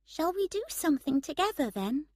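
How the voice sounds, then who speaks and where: A woman's voice: high voice, sing-song, moderate pace, no room sound, clean studio sound, voice pushed up. A woman reading the lines of a wry, self-mocking, idealistic young woman in a storybook reading.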